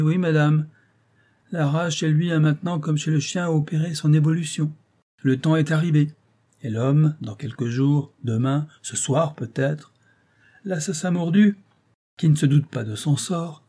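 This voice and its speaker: A man reading an audiobook, voicing a polite, cunning gentleman detective who speaks courteously and with insinuation. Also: medium pitch, natural voice.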